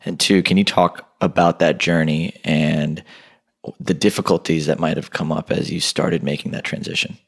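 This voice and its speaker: A man's voice: very deep voice, steady tone, normal speed, creaky, slightly rough. A man hosting a podcast, upbeat and enthusiastic, talking with a guest in an apartment. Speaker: podcast host. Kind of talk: casual podcast interview.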